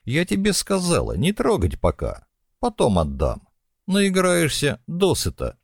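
A tough, dominant young woman, as a male narrator puts her on with her voice pushed well up in pitch. She speaks in a cool, bossy way, close and dry. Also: wildly swooping pitch, measured pace, gravelly, slightly rough, dry recording, full character voice. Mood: angry. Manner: bossy, cool, self-assured.

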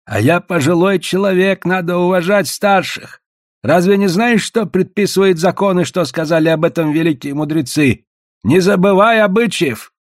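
A man doing a boastful, shrill merchant headman. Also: expressive, measured pace, few pauses, no room sound, clean studio sound. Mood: insistent. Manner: loud, insistent exclamations. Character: pushy, boastful male merchant, village headman.

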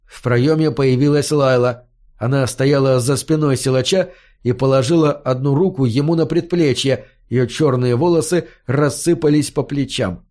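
Expressive male fantasy audiobook narrator. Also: medium pitch, normal speed. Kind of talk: first-person fiction narration.

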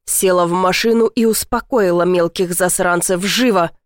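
A woman's voice: lowish voice, steady tone, moderate pace, no echo, clean studio sound, close to an everyday voice. A woman voicing a brutal masked male kidnapper who barks crude orders. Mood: menacing. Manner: barking, crude.

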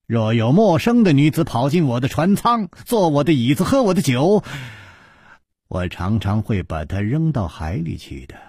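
A male storyteller playing a witty, mocking swordsman hero who teases slowly and jumps up in pitch when surprised. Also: sing-song, a little mellow, breathy edge, no echo, studio quality. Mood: teasing. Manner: teasing and drawn out, with sudden surprised jumps in pitch.

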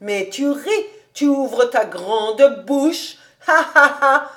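A woman reading an audiobook, voicing an excitable, argumentative old village rabbi in a loud, indignant manner. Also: sits high, normal speed, voice pushed up, close to an everyday voice. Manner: loud, indignant, mocking laughter.

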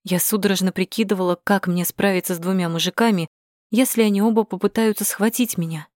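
A woman narrating a first-person audiobook in a measured, steady way. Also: mid-range voice, dry recording, studio quality.

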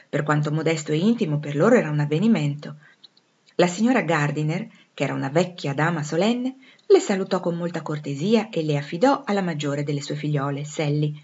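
A woman's voice: low voice, darkish tone, husky, dull audio. Woman reading a classic novel aloud. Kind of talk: storybook narration.

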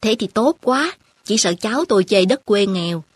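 A brisk, teasing village aunt in a spoken storybook, chatty and restless, as a woman reads her part. Her voice is a little husky and heard close and dry. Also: mid-range voice, expressive, no room sound. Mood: lively. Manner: brisk, teasing country talk.

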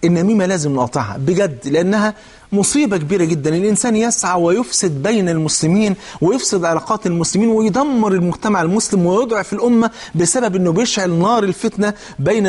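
Fast, high-voiced Egyptian preacher man. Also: darkish tone. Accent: Egyptian Arabic. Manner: fervent, addresses listeners directly with rhetorical questions. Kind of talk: colloquial religious sermon.

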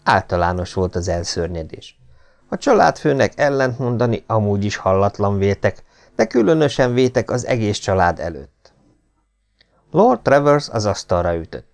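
A man reading a novel aloud as an audiobook narrator, in expressive storytelling. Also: lowish voice, creaky. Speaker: audiobook reader. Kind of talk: scripted narration.

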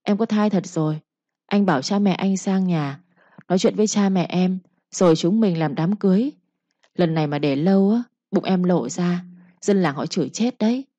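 A stubborn young village daughter talks back and pleads, higher and louder than the narration, voiced by a woman narrator. The tone stays warm and soft-edged on a dull, lo-fi storybook recording. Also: normal speed, no echo, natural voice. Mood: defiant pleading.

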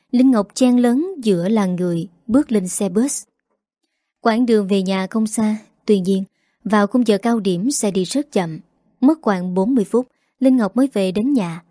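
A woman narrating a scripted audio story in a steady, even reading. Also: medium pitch, dry recording, studio quality.

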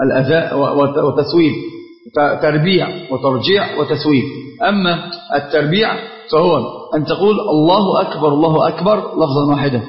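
A man's voice: a little high, a little fast. A man teaching a religious lesson, explaining points carefully and chanting short examples of the call to prayer. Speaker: sheikh teaching a class. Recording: echoey hall, dull lo-fi sound.

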